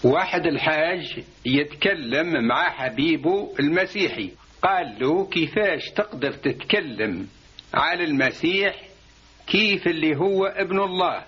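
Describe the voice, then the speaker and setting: A man with an Algerian Arabic accent narrates a religious parable in a calm, explanatory way. His voice sits a little high for a man and has a husky edge. The recording is dull and lo-fi. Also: unhurried. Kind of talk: religious storytelling.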